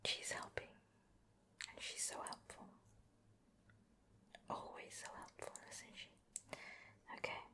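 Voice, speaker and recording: A woman hosts a relaxed, talkative ASMR show and tell, whispering softly and breathily. As an ASMR video creator, she speaks close to an ear-to-ear stereo microphone.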